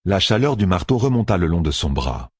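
A man reading a fantasy audiobook in a measured, expressive storytelling voice. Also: low voice, slightly rough, no echo, clean studio sound. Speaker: audiobook narrator. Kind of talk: scripted fantasy audiobook narration.

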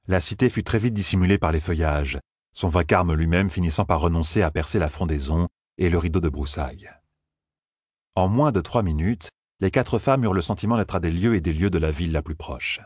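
A man reading an audiobook in a calm, measured storytelling manner. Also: low voice, slightly rough, no room sound, clean studio sound. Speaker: narrator. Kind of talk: audiobook narration.

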